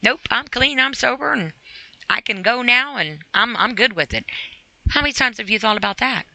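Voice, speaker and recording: A woman with a fairly high, gravelly voice and a sharp tone reads aloud at a normal speed, her intonation lively, on a low-quality recording. She's a podcast host going through a sobriety e-book, adding earnest, informal motivational commentary and often addressing the listener directly.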